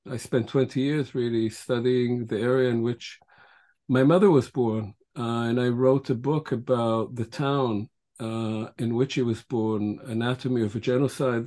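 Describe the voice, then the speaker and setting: A man in his sixties from Israel, a historian answering interview questions in a measured way with many pauses. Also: medium pitch, warm tone. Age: 60s. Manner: measured, frequent filler pauses. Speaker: guest author and historian.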